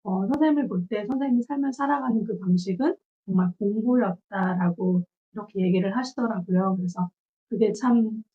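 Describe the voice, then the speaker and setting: A woman in her forties giving a measured, reflective book review from her notes, pausing often on filler sounds. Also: medium pitch, husky. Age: 40s. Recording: dull lo-fi recording.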